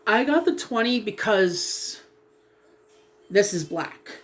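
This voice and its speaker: Animated yet slow-paced, a woman with a mid-range voice chats casually while dyeing her hair for a vlog. She rambles and hesitates, filling gaps with ums and apologizing, and sounds sniffly and froggy from a lingering cough.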